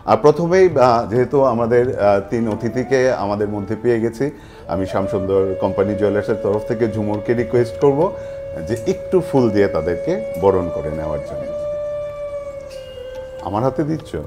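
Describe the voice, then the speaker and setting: A man hosting a lucky draw event, presenting in a semi-scripted way with halting, deliberate phrasing and frequent pauses. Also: fairly low pitch, wildly swooping pitch. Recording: music playing behind the voice. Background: music.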